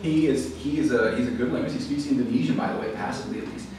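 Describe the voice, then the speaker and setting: At a library event, a male author answers audience questions thoughtfully and explanatorily, with frequent fillers and restarts. His voice is medium-pitched, quick and darkish. It's recorded from the room in an echoey hall, far from the mic, with audible room noise.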